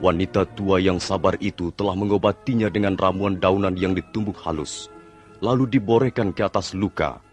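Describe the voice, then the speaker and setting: A man's voice: sits low, moderate pace. A man reading scripted credits and story narration in the manner of an old radio serial announcer. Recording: music behind the voice. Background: music.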